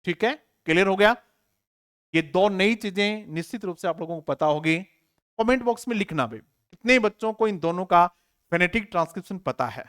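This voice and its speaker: A man's voice: high voice, animated, moderate pace, fairly bright tone. A male teacher giving an online exam-prep grammar lesson. He asks students questions and answers them himself, repeats key words, spells them out letter by letter and urges the class on in a friendly, informal way.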